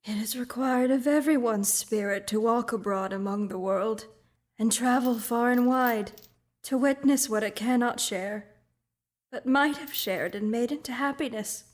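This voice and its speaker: An actor in a student radio drama plays the chained, mournful ghost of an old businessman. His very high-pitched voice is solemn and unhurried, sinking at times into breathy whispers.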